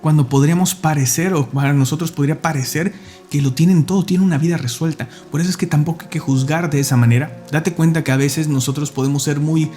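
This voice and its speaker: A man's voice: a little high, steady tone, quick pace, dark tone, faint music behind. A man hosting a Bible podcast, explaining scripture earnestly step by step with rhetorical questions. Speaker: podcast host teaching the Bible. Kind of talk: reflective Bible teaching talk.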